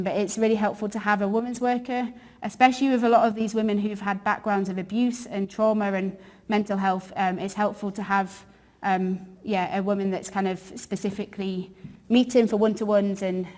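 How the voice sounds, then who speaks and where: Woman, mid-pitched voice, informal ministry presentation, conversational, hesitant explaining. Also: darkish tone. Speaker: women's gospel worker, presenter.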